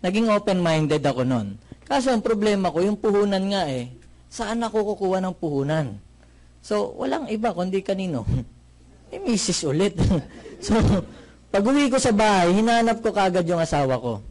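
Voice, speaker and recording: A man from the Philippines giving a lively testimonial talk, telling his story with jokes and asking the audience questions. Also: high voice, moderate pace. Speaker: motivational speaker giving a testimony.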